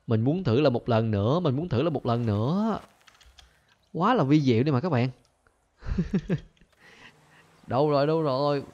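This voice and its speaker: A man hosting a gaming channel, giving excited gameplay commentary and talking straight to his viewers. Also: mid-range voice, muffled recording. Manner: animated, keeps addressing viewers as "các bạn ơi".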